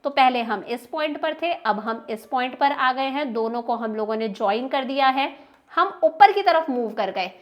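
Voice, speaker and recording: A woman's voice: high-pitched, animated, normal speed, highs cut off. A young woman with an Indian accent teaching an exam-prep economics lecture, explaining step by step, stressing key terms and often asking if students have understood. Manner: explains step by step, checks understanding with repeated questions.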